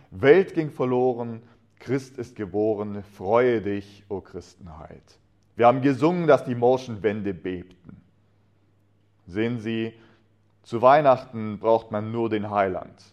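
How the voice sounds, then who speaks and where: An earnest man delivering a sermon to a congregation, his voice sitting at an ordinary middle pitch. He reads aloud with feeling and lets many phrases fade to a hush at the end. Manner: earnest, reads expressively, trails off softly at phrase ends. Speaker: preacher. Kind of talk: sermon with a read-aloud story.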